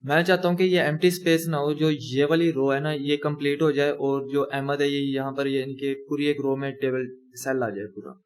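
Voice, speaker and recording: With a slightly high, steady voice at normal speed and few pauses, a young man leads a coding lesson. This screen-recorded tutorial has him talking through every step while typing, correcting himself as he goes.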